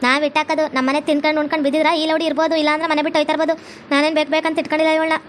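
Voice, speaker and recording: A woman's voice: sits high, level tone, very fast, a little hiss or hum, close to an everyday voice. A woman voicing a commanding, scolding middle-aged mother-in-law. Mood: bossy.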